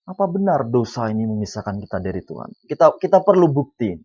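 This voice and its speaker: A man preaching a sermon, who drops to quiet asides and then rises to loud, emphatic lines. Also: medium pitch, big pitch swings, fast, husky. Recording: dull lo-fi sound.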